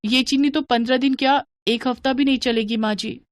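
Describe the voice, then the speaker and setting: Woman putting on a young bahu, higher voice, polite and pleading, dry sound. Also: fairly even intonation, a little fast, no echo, close to an everyday voice. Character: young daughter-in-law, patient but protesting.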